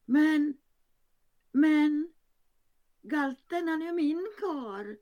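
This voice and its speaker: A woman voicing a sour, demanding older woman who speaks tartly and breaks into a shrill falsetto. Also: lively intonation, mellow. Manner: tart, demanding, shrill falsetto when upset.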